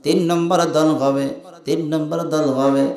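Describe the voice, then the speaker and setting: A man preaching a fiery sermon, swinging between loud calls and hushed asides, breaking into chant-like sung phrases and urging the crowd to answer back. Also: a little high, level tone, normal speed. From Bangladesh. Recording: echoey, roomy sound.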